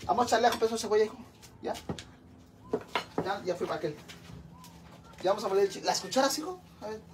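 A middle-aged woman with a Mexican accent runs a bawdy live stream while she cooks, talking at an everyday pitch. She swears freely and keeps calling out to her viewers as sisters. A faint hiss of noise sits under her voice. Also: expressive, fast. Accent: Mexican Spanish. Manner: crude, joking, keeps addressing viewers as sisters. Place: home kitchen.

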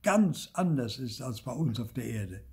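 An older man voicing a poor, short-tempered peasant husband who scolds loudly and impatiently, in a husky voice. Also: medium pitch, expressive, a little slow, heavily acted. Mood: scolding.

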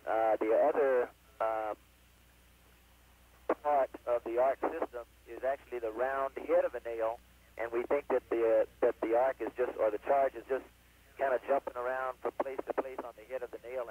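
A man's voice: mid-range voice, slight background noise. Tinny radio voice of a male astronaut. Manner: matter-of-fact, halting with fillers. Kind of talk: mission radio chatter and explanation.

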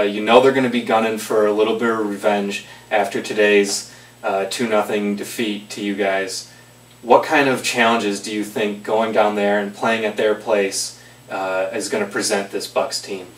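Young male host for a team's post-game report, lowish voice, brisk questions, roomy office sound. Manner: brisk, scripted intro then plain questions. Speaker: host, interviewer. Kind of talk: sports interview hosting. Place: small office with trophy shelves, indoors. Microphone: handheld mic. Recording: echoey room, mic a bit far off.

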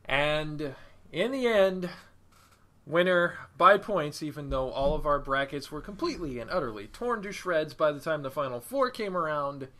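A man's voice: a little high, animated, moderate pace, sharp tone. A man co-hosting a casual podcast, making puns and hedging his talk with frequent fillers. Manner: punning, hesitant with many uh fillers. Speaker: podcast co-host.

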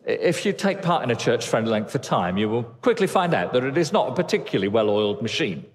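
A man's voice: mid-range voice, sing-song, fast talker. An older man preaching an earnest sermon from a church stage, speaking into a headset mic. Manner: expansive gestures, earnest. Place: church stage with drum kit. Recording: reverberant church hall.

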